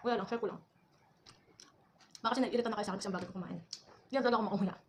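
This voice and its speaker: Fast-chatting young woman food vlogger. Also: medium pitch, a little hiss or hum. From Philippines. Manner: chatty, code-switching, teasing asides while eating; talks between bites, chewing. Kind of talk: casual mukbang chat.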